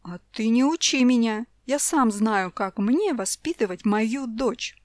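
A woman's voice: on the high side, moderate pace, no echo, studio quality, lightly acted. A woman voicing a doting but hot-tempered father in a storybook reading. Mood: angry. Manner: stern, raised voice.

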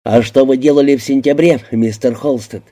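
A tough detective firing blunt, menacing questions in a dark, warm, mid-pitched voice, as a male audiobook reader acts him. Threat sits under every line. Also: fairly even intonation, normal speed, natural voice. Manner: blunt, menacing, shouting at times. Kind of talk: audiobook character voicing.

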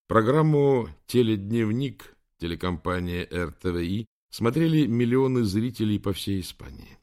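A man narrates an audiobook in a calm, measured way. His voice sits very low. The reading is steady and unhurried. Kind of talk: scripted narration.

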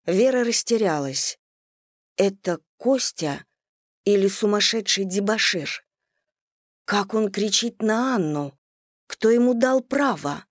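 An audiobook narrator reading a novel in steady, even scripted narration. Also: mid-range voice, slow pace, pauses often, no echo, clean studio sound.

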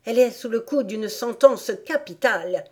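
A woman reading a storybook aloud and voicing a timid, nervous male rabbit who stammers and hushes. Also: a little high, animated, moderate pace, slightly rough, pitched above the performer's own voice. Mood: timid hushed.

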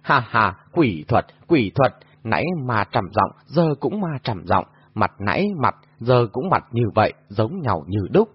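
A man's voice: fairly low pitch, big pitch swings, measured pace, breathy edge, dry recording, exaggerated voice. A man doing a jeering martial artist. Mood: amused. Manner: jeering, amused. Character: boisterous laughing male martial artist. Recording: dull lo-fi audio.

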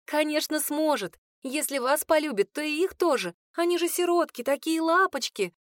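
A woman's voice: sits high, expressive, normal speed, no echo, clean studio sound, voice pushed up. A woman voicing young gossiping kitchen maids who chatter eagerly and dreamily about romance. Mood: pushy eager.

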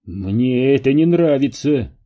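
A man's voice: medium pitch, animated, takes it slowly, warm tone. A man voicing a frightened sergeant who talks in a strained, stammering way. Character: shaken, frightened male sergeant.

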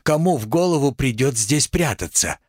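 A frightened young husband begging in a strained, raised voice, as a male reader acts him out. The voice is husky, and the pitch rises and falls widely. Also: lively intonation, moderate pace, no room sound, studio quality, natural voice. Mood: pleading. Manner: pleading, anxious. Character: timid, desperate young husband.

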